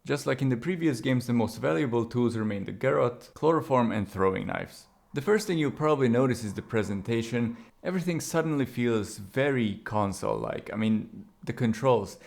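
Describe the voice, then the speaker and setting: A man's voice: mid-range voice, expressive, normal speed, creaky, hardly any pauses, darkish tone. A man narrating a scripted video game review, opinionated and with wry asides.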